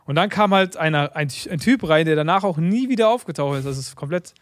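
A man's voice: fairly high pitch, expressive, a little fast, dry recording, clean studio sound. A young man, an entrepreneur guest, telling a rambling anecdote in casual chat, full of fillers and tag questions.

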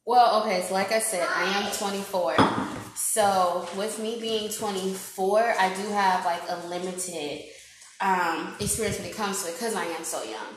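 A woman's voice: medium pitch, normal speed, a little hiss or hum. Chatty young woman in an echoey room. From Illinois. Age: 20s. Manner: chatty, upbeat, lots of fillers. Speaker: podcast guest. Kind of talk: casual chat.

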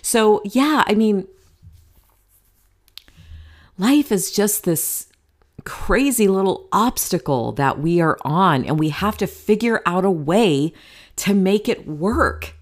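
A woman's voice: mid-range voice, expressive, takes it slowly. A woman in her forties hosting her own podcast, talking candidly and chattily about happiness in a motivational tone, with some casual swearing. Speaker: podcast host. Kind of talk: solo podcast monologue.

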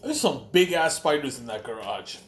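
A man chats loosely with a friend, meandering through his thoughts with pauses and offhand swearing. His voice sits at an ordinary middle pitch, with a faint hum behind it. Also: big pitch swings. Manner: rambling and profane, with frequent pauses. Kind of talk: casual chat.

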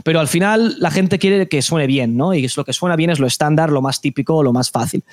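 A man's voice: on the high side, a little fast, no room sound, clean studio sound. A man from Spain with a Spanish accent, an esports caster chatting casually and animatedly, with many restarts. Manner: animated, opinionated, frequent restarts. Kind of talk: casual podcast chat.

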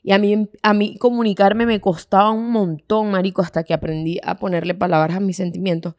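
A woman's voice: mid-range voice, little pitch movement, a little fast, a little mellow, dry recording, clean studio sound. A young woman with a Venezuelan accent co-hosting a casual podcast, talking candidly with lots of slang. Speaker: podcast co-host. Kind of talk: casual chat.

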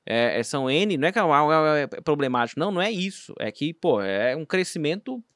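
A Brazilian man chats on a podcast with a slightly high voice that swings between loud bursts and low mutters. His talk rambles, full of slang and restarts. The sound is close and dry. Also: sing-song, fairly quick, no room sound. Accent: Brazilian Portuguese. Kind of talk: casual podcast chat.

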